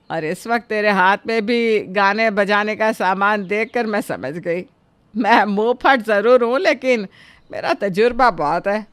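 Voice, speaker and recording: A woman's voice: mid-range voice, fairly bright tone, dry recording. A woman voicing an elderly, outspoken neighborhood woman who hands out advice in a dry, close storybook cartoon recording. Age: older.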